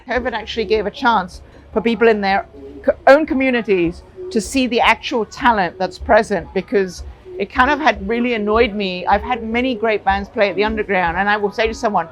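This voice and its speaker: A woman's voice: mid-range voice, fairly quick, low-quality recording. A woman in her forties from Hong Kong, talking chattily in an interview, laughing often and searching for words. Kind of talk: casual interview.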